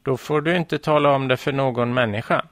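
A man's voice: medium pitch, a bit bright, no echo, studio quality, voice pushed up, natural voice. A man voicing a solemn, stubborn little girl who insists she is a princess, in a children's story. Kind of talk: storybook reading.

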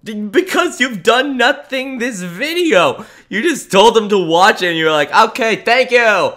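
A man co-hosting a gaming video with a high, bright, lively voice. He is excitable, stammers and repeats himself, and breaks into yells when scared. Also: moderate pace, low-quality recording. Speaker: gaming co-host.

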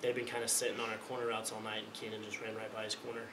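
In a fairly low voice, a young college quarterback answers postgame press questions in a rapid, flat, halting way, constantly restarting phrases and repeating words. He's at a table mic in an indoor press conference room, and the audio sounds roomy and distant, with noise behind him.

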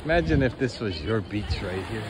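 A travel vlogger narrates a walking tour of a tropical beach, easygoing and chuckling as he marvels at the view. He talks briskly in a lowish voice with lively intonation, recorded on a handheld phone camera with wind and water noise around him.

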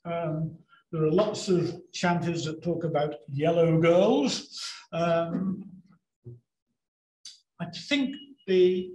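Male speaker, high pitch, chatty Q&A answers, ums and laughs, echoey room. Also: a little mellow, slight background noise. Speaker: guest speaker on sea shanties. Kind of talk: answering audience questions. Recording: roomy echo.

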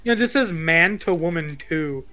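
Low lively young woman, music behind. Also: normal speed. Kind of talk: casual gaming chat.

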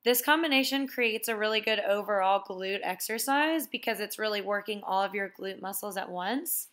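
A woman's voice: mid-range voice, moderate pace. Chatty young woman explaining gym exercises. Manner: relaxed, chatty instruction with "basically" and "so". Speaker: fitness vlogger. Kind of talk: casual workout walkthrough voice-over.

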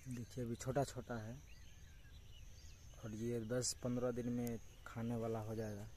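Speaking a little slowly in a dark, level, medium-pitched voice, a young Bihari man tours a farm for his vlog, pointing out and explaining things repeatedly. The handheld phone picks up distinct countryside noise around him.

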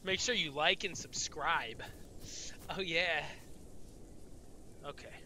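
A man's voice: a little high, slow pace, pushed and bright, slight background noise. A man live-streaming a game, chatting loosely with viewers, swearing often and sounding tired. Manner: profane, rambling, talks to chat. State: tired, yawning. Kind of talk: casual live-stream commentary.

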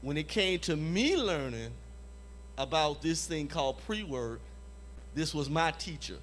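A man preaches at a church training conference in a notably high voice. He speaks emphatically, repeats his points and keeps asking the crowd for an amen. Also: expressive, unhurried, fairly bright tone, slight background noise. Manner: emphatic, repeats phrases, calls for "Amen?" from the audience. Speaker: conference evangelism leader. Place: church hall before a live audience.

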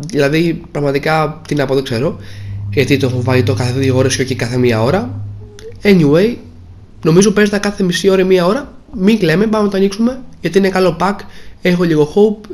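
Casting note: young male gaming creator, somewhat high voice, slightly hoarse, grumbling and let down. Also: a little mellow. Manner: grumbling, disappointed, repeats himself. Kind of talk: casual gameplay commentary.

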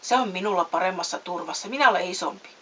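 A woman voicing a sly, lying boy who bullies and steals, loud and taunting. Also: lowish voice. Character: sly bullying boy, a thief and liar. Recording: faint hiss.

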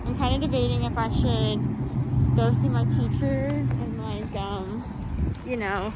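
Late-teen female vlogger, rambling casual chat, slightly high voice, loud ambient vehicle noise. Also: steady tone, unhurried. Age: late teens, young adult. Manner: rambling, with frequent "like" and "you know". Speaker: student vlogger. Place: outdoors walking, then inside a parked or moving car. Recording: distant mic, loud car and outdoor noise.

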